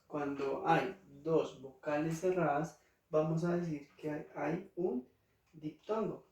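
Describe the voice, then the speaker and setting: A man's voice: on the high side, takes it slowly, darkish tone. A male teacher with a Colombian accent explaining spelling rules to children, patiently repeating each example word. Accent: Colombian Spanish. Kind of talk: slow classroom explanation to children. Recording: roomy, distant mic, faint noise.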